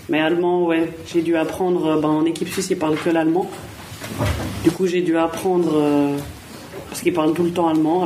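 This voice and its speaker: The recording is poor with slight background noise, capturing a woman's deep, dark-toned voice. She's a footballer from Switzerland, guesting in an interview where she gives children plain, friendly answers and repeats words as she thinks.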